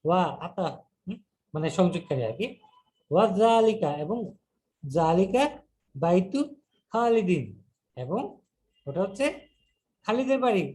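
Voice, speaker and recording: A man teaching an Arabic grammar lesson, slowly repeating words and breaking them down step by step. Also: high-pitched, animated, mellow.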